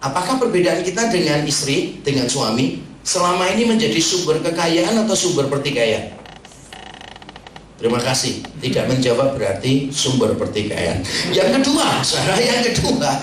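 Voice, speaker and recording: A man, a pastor, preaching a humorous sermon to married couples and acting out people he has counseled. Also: a little high. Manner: humorous, lively preaching with mimicked congregants. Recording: echoey hall from a distance.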